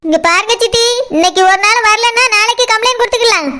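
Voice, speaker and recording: Actor voicing a cartoon aunty, Kanyakumari accent, shrill high voice, piercing, lecturing. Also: quick pace, bright, forceful tone. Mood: scolding. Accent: Kanyakumari Tamil. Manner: blunt, lecturing, accusing. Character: middle-aged woman, sharp-tongued and scolding. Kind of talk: cartoon voice acting.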